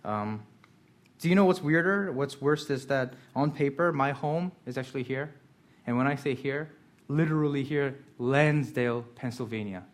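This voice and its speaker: A man who grew up in Korea, preaching a sermon in an earnest way, moving between quiet reflection and emphatic questions. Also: medium pitch, normal speed. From South Korea. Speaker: pastor.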